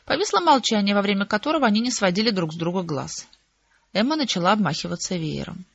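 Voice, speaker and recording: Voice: medium pitch, expressive, fast, creaky, fairly bright tone, slightly rough. Wry audiobook narrator, dull sound.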